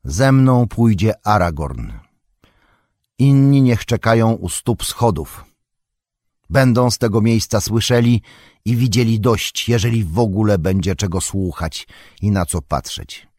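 A man's voice: on the low side, animated, unhurried, no echo, clean studio sound. A man voicing a stern old wizard, commanding. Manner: forceful, commanding calls.

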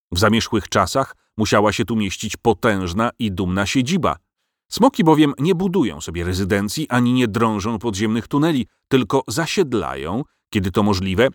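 Lively low-voiced male storyteller. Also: no room sound, studio quality. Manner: expressive, measured storytelling. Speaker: narrator. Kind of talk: scripted storybook narration.

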